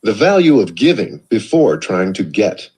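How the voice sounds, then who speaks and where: Narrating an audiobook, this man has a husky, a little breathy, somewhat mellow voice. He reads in an earnest, measured way, with a lively, sing-song pitch that rises and falls across phrases.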